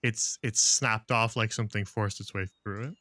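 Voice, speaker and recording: A man acting as game master, narrating a tabletop fantasy game in a halting, casual, improvised way. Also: on the low side, fairly even intonation, pushed and bright, dry recording.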